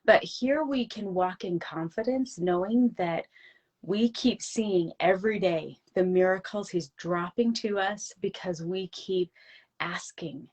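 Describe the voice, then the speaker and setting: A woman's voice: lowish voice, a little slow, a little mellow. A woman in her forties, a guest in an interview, talking in an earnest, heartfelt way. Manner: earnest, heartfelt, talks about faith. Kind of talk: casual interview chat.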